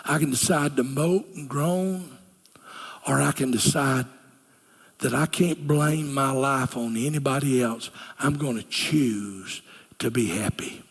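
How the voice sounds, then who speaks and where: Pastor preaching in a church hall. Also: male voice, mid-range voice, slow pace, creaky, breathy edge. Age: older. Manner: folksy, earnest, drops to a whisper for key lines. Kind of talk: sermon. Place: church sanctuary.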